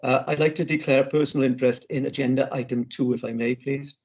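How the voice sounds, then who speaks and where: A man's voice: medium pitch, steady tone, quick pace, a little mellow. A man speaking as a councillor over an online group call, brief, polite and apologetic in a formal meeting. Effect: heard remotely over an online group call. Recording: dull lo-fi call audio.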